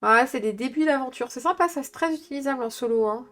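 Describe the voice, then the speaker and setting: Streamer, woman, higher pitch, rambling filler-heavy chat, soft music behind. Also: fast. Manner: chatty, thinking aloud with many fillers. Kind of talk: casual live-stream chat about tabletop games.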